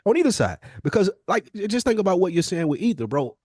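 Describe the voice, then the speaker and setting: This podcast co-host has a high, fast voice with big pitch swings, a little mellow and slightly rough. He debates and tells hip-hop stories in an emphatic, slangy, casual way, often repeating himself for emphasis. The studio-quality recording has no echo.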